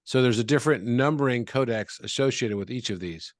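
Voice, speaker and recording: Appearing as an interview guest, a man with a mid-pitched voice explains things calmly and patiently, working through examples step by step at a brisk pace. The audio is dry, without any room echo.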